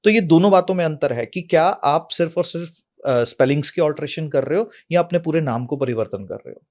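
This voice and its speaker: Calm teacherly man explaining. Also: fairly high pitch, a little fast. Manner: calm, teacherly, poses questions then answers them. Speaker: astrology and numerology guest expert. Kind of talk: explanatory interview talk.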